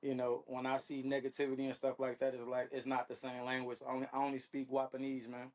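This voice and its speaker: This reality dating show contestant, appearing as an interview guest, answers in a casual, conversational way, full of slang and repeated check-in phrases. His mid-range voice is a little mellow, completely flat, and quick.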